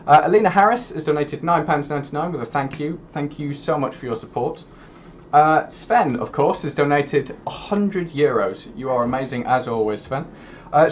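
A man's voice: on the high side, highs cut off, a little hiss or hum. A man co-hosting a live stream. He reads out donations and teases his colleague. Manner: reading out donations, teasing. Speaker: co-host.

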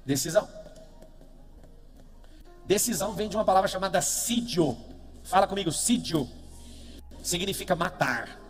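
A Brazilian man with a high voice leads a motivational seminar from a stage in a big, echoing hall. His delivery is emphatic: he drops to quick asides, then shouts lines for the audience to chant back. Soft music sits under his voice. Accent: Brazilian Portuguese. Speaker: motivational speaker. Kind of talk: live motivational seminar with call-and-response. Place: large event hall with a big screen. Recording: long hall reverb, faint music behind.

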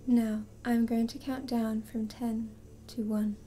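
A woman hypnotist leading a slow, soothing induction, drifting in and out of a whisper. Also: on the high side, flat delivery, dark tone, soft background music.

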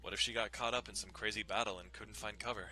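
Over background music, a young man reads a visual novel dramatically, narrating and slipping in casual, irreverent remarks. His lowish voice is steady but pushed and bright, and he talks fast.

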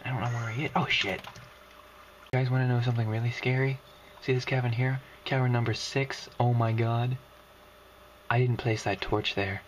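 A woman's voice: rumbling low, steady tone, normal speed, pauses often, highs cut off. A woman whispering through a let's-play commentary, her whisper scratchy, with frustrated outbursts and mild cursing. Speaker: gaming video creator.

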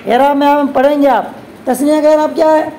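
A woman teaching a classroom grammar lesson, constantly posing quick questions to her students and answering them herself. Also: high voice, steady tone, warm tone, slight background noise, rough recording. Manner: addresses students as "beta". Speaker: religious teacher.

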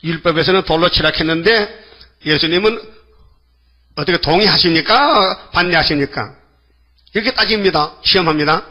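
A man's voice: fairly high pitch, normal speed, long pauses, bright, forceful tone. A man preaching a sermon in a casual, talkative way, acting out Bible scenes in quoted voices and firing rhetorical questions at the congregation. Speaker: pastor.

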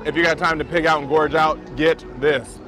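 A man's voice: fairly high pitch, fairly even intonation, normal speed. Man talking with his mouth full. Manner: chatty, candid verdicts. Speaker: food reviewer. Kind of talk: casual food review vlog. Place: outdoor festival grounds. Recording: music in the background.

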